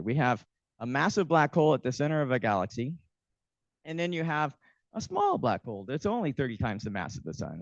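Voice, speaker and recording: A man with a medium-pitched voice gives an academic workshop talk while losing his voice, hesitating with many ums and restarts. The lecture audio sounds dull and muffled, without echo.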